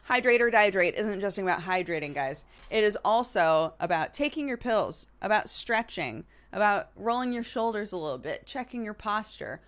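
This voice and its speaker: A woman in her early 30s hosts a livestream, chatting informally and conversationally with live viewers and laughing easily. Her voice is mid-range with a fairly bright tone.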